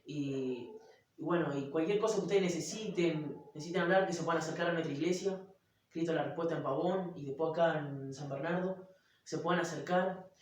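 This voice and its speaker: A young man with an Argentine Spanish accent tells his story with lively energy and acts out the other voices in it. His voice sits a little high for a man. He is recorded in a very echoey room from a distance. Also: fairly quick. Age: young adult. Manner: animated storyteller acting out dialogue. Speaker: church youth guest. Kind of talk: testimony in interview. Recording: very echoey room, mic far off.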